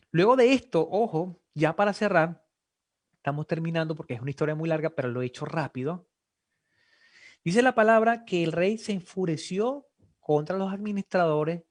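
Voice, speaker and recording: A preacher delivering a sermon in an animated way, firing rhetorical questions at the congregation and breaking into emphatic exclamations. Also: mid-range voice.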